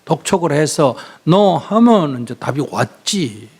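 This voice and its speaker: A man's voice: a little high, very animated, measured pace, a little mellow, breathy edge. A man, a Buddhist monk, giving blunt, teasing advice to a questioner in a live Q&A talk. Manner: blunt, teasing, acts out quoted lines. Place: lecture hall with audience.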